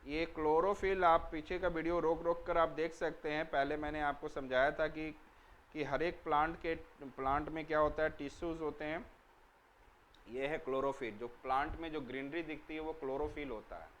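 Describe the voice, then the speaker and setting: A man gives a lesson to young pupils in a slightly raised voice. He asks the class questions and answers them himself. He spells words out slowly, letter by letter, over a faint background hiss. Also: fairly high pitch, fairly even intonation, a bit bright, low-quality recording. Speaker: teacher. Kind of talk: explanatory lesson for children.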